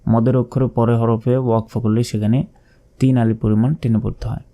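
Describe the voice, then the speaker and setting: A man with a mellow, dark voice teaches Quran recitation, breaking each word into its letters and vowel marks. He drills slowly and patiently, pointing out where learners usually go wrong. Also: mid-range voice, flat delivery. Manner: slow, letter-by-letter drilling and correcting common mistakes. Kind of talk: spelled-out Quran pronunciation lesson.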